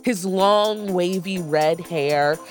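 A woman hosting a podcast, reading a scripted narration in a lively storytelling way. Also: lowish voice, slow pace, soft background music. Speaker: podcast host.

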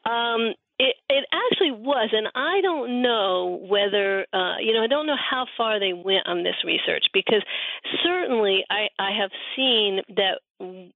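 A woman interview guest answering conversationally in a halting, thoughtful, anecdotal way. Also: medium pitch, dry recording. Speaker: interview guest, researcher and writer on friendship. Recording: muffled, phone-like narrow band.

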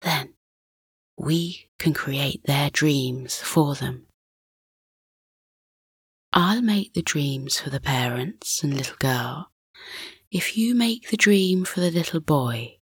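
A woman voicing a kindly male dream-maker father who speaks in a soft hushed whisper. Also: low-pitched, animated, slow pace, long pauses, breathy edge, no echo, exaggerated voice.

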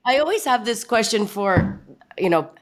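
A woman's voice: a little high, lively intonation, normal speed. A woman in her thirties hosting a podcast, chatting casually and laughing often. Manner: giggly, chatty. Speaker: podcast host.

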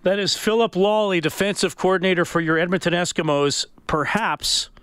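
A man's voice: sits high, normal speed, fairly bright tone, clean tone, dry recording. A man casually hosting a sports radio show.

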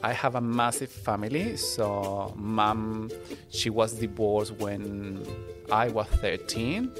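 A man from Chile, a native Spanish speaker with a Chilean accent, chatting warmly as a podcast guest and making small grammar slips. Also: on the low side, steady tone, slow pace, over music. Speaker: guest, international student. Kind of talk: casual personal storytelling.

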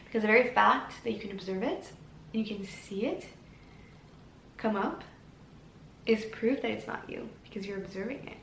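A woman hosting a solo podcast, talking calmly and gently in an encouraging way. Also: medium pitch, normal speed, creaky, long pauses. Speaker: podcast host. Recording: echoey room with faint ambient noise.

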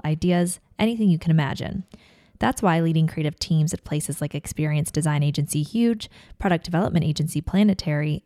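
A woman hosting a podcast, reading an ad and asking an interview guest questions, brisk and encouraging with frequent "mm-hmm". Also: fairly low pitch, dark tone, no room sound, studio quality. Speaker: podcast host.

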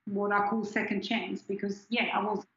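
A Swiss woman in her forties, a scientist whose first language is German, reflects on her life as a guest in a candid personal interview, often restarting her sentences. Her mid-range voice is a bit bright, stays fairly level, and moves at a moderate pace. The recording is reverberant and muffled.

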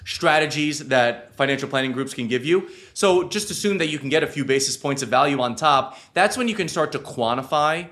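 A man's voice: on the high side, expressive, brisk, hardly any pauses, a bit bright. A man speaking as an advisor, explaining things casually and emphatically. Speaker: financial advisor guest.

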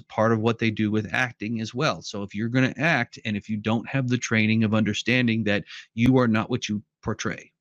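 A podcast guest with a low voice talks in casual conversation, explaining at length and acting out the quoted voices in his stories with animation. The audio is dull, with no room sound.

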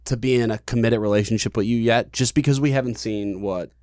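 Deadpan joking man, casual chat. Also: fairly low pitch, a little fast. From Chicago. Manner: deadpan joking, mock earnest. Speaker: podcast guest.

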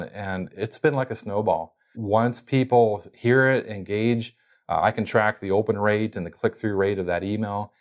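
A man with a somewhat low voice chats as an interview guest about how he manages his company's podcast. His casual explanation is peppered with fillers and false starts.

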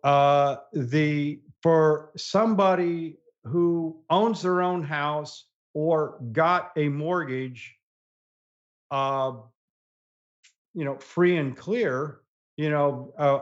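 A man's voice: on the high side, lo-fi sound. A man being interviewed as an economic analyst, explaining his points with many fillers and restarts. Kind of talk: podcast interview answers.

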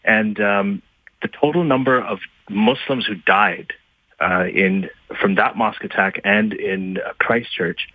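A man guesting on a radio show by phone, speaking haltingly and thoughtfully, with lots of fillers and restarts. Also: lowish voice, slightly rough, no room sound. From Pakistan, Libya and Saudi Arabia. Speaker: guest author. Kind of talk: phone-in interview. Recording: tinny phone line.

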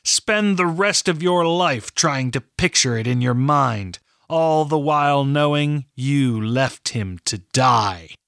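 A man voicing a calm, menacing male master who taunts a young woman in a storybook reading. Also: mid-range voice, takes it slowly, vocal fry, hardly any pauses, no room sound, clean studio sound, full character voice. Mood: taunting. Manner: cold, mocking.

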